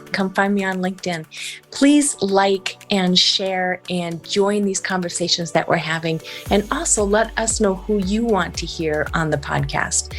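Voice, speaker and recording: Woman podcast host with a slushy lisp. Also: medium pitch. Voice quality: slushy lateral lisp, sh-like s sounds from dental braces. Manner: informal, chatty, addresses listeners directly. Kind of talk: casual podcast outro addressed to listeners.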